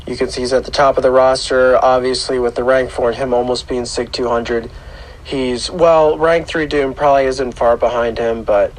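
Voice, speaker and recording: A man with a hoarse, grating voice from a sore throat gives casual, unscripted gaming commentary in a halting, matter-of-fact way. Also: medium pitch, steady tone, rough recording. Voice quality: rough, grating. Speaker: gaming channel host. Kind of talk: casual video game account tour commentary.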